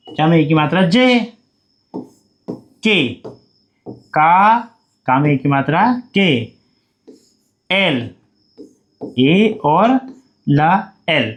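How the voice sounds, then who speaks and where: A man teaching beginners at a board, coaxing them along by asking questions and answering them himself. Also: a little high. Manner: coaxing, repeats questions back to the class. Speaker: English teacher. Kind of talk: whiteboard lesson for beginners.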